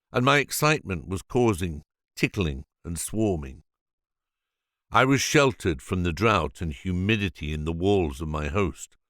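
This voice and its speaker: Man voicing a solemn, proud coronavirus in an audiobook, very low voice, dry close sound. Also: a bit bright, no room sound. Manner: measured, formal. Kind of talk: audiobook reading.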